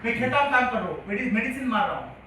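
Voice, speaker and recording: Bright high-pitched guy teaching a health class, keeps asking the crowd questions, recorded from far off in a big echoey room. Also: expressive, very fast. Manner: repetitive, quizzes the audience. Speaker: health lecturer. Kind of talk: classroom-style lecture. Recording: echoey hall from far off, faint hiss.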